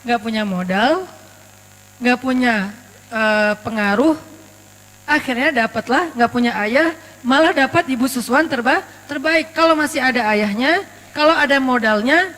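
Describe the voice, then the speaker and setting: A man's voice: very high-pitched, normal speed, bright, forceful tone. A man from Aceh giving a casual, chatty sermon, telling stories with joking asides. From Aceh, Indonesia. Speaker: preacher. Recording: reverberant hall with mains hum.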